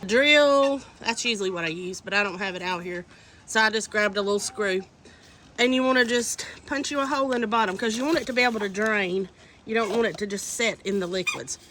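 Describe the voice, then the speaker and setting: A brisk, fairly bright voice at medium pitch belongs to a homesteading vlogger who is congested from a cold. She casually demonstrates repotting seedlings outdoors in the wind, homey and instructive, over faint wind noise.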